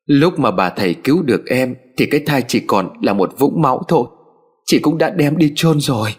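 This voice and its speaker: A man's voice: mid-range voice, animated, moderate pace, slightly rough. A man voicing an older mistress of the house who hides her scheming behind soothing, tearful apologies, in a storybook audio tale. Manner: soothing, honeyed, fake-sorry.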